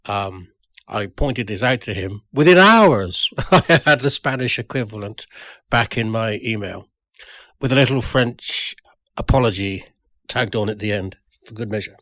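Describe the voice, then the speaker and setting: A man's voice: on the low side, moderate pace, fairly bright tone, no room sound. A man reminiscing about a fellow performer in a tribute, talking with many hesitations and restarts. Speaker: audio drama writer.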